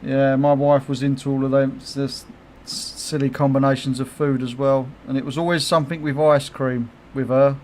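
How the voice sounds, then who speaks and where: A man's voice: medium pitch, level tone, normal speed, hardly any pauses, a little mellow, a little hiss or hum. A middle-aged man chatting casually on his game livestream, swearing freely, laughing often and reacting to chat comments. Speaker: game streamer.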